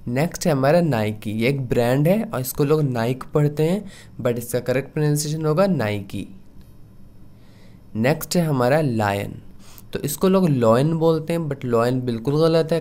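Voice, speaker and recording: Man slowly sounding out English words. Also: mid-range voice, a little mellow. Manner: slow syllable-by-syllable drilling of words. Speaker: language teacher. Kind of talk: pronunciation lesson.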